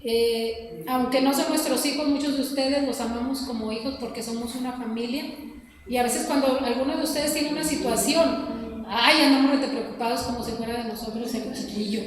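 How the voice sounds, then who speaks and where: A middle-aged woman preaches an earnest sermon in a high voice. Her words ring through a very echoey church hall, picked up from far off with clear background noise. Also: moderate pace. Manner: earnest, exhorting, addresses congregation as "mis hermanos".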